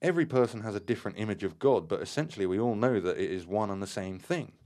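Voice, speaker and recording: A man voicing an excited male paranormal investigator who talks in a raised, emphatic, eager way. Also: fairly low pitch, fast, close to an everyday voice. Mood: insistent.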